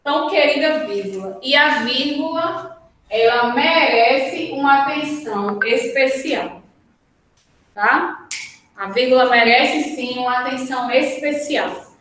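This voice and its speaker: Brazilian woman teacher, slow and patient delivery, keeps checking in with the class; far-off mic in a roomy classroom. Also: high voice, fairly bright tone, slight background noise. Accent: Brazilian Portuguese. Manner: patient, checks in with "certo?" and "tá?" after each point. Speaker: Portuguese grammar teacher. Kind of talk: remote lesson at a whiteboard. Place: classroom or studio with a whiteboard. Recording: very echoey room, mic at a distance.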